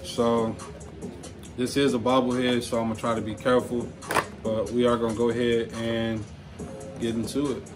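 A man casually chatting through a toy unboxing, relaxed and slangy, often calling listeners "man". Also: mid-range voice, moderate pace, long pauses, music in the background. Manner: laid-back, slangy, says "man" often. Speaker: toy review vlogger.

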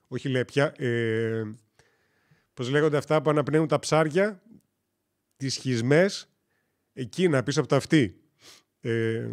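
A Greek man chats casually on a gaming live stream, rambling, joking and correcting himself as he tells stories. He speaks at medium pitch.

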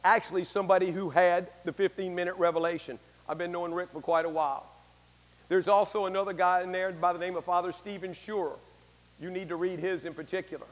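Man, fifties, priest preaching a sermon, high voice, long church reverb. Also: steady tone, quick pace. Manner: emphatic, swinging between loud declarations and hushed asides. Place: large church sanctuary, indoors.

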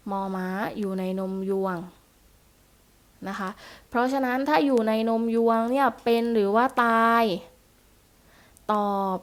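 Woman teacher, slightly high voice; patient, questioning delivery for a recorded class lesson. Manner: patient, questioning, adds polite particles. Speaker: primary school teacher.

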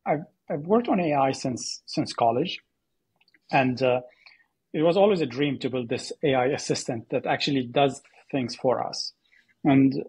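A Syrian man with a very husky, breathy, medium-pitched and slightly mellow voice is a podcast guest and co-founder of an AI startup. He relates his story conversationally, haltingly, repeating words. The audio is close, dry, echo-free, and poor in quality.

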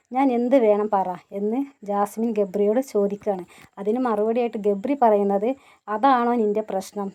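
A woman's voice: mid-range voice, dark tone. A woman vlogger casually recapping reality show scenes, quoting the cast's lines in her own plain voice. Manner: retells scenes plainly, quoting lines without acting them. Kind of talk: casual spoken recap narration.

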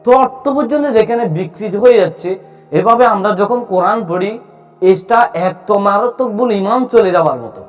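Male teacher, high voice, patient repeating drills, soft music under the voice. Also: lively intonation. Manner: explains slowly, repeats letter sounds for drill. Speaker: Quran recitation teacher. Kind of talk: spoken tutorial.

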